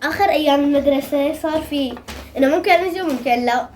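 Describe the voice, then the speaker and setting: A woman's voice: sits high, fast, darkish tone, slight background noise. A young female with a Syrian Levantine Arabic accent chats casually to viewers as she hosts a drawing video.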